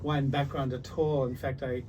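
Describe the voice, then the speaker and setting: A man's voice: mid-range voice, level tone, normal speed, darkish tone. An older man who grew up in New Zealand, a guest winemaker chatting casually on a podcast, rambling through stories with many restarts. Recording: distant mic, noisy room.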